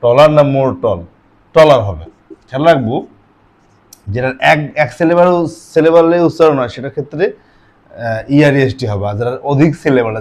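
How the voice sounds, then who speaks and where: Male grammar teacher, talks it through question by question, mid-pitched. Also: darkish tone. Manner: asks questions and answers them himself. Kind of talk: classroom lesson with asides and a told anecdote.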